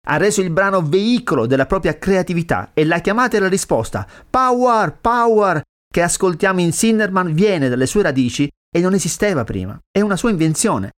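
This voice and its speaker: Lively-voiced male radio host. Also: on the high side. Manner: expressive storytelling, dramatic reading of lyrics. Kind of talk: radio narration.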